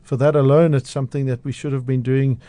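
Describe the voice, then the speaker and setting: On a radio interview, a media analyst from South Africa argues his points with outspoken passion, frequently starting sentences over. His mid-range voice is mellow, his delivery flat, and his pace fast. He's recorded on a studio mic.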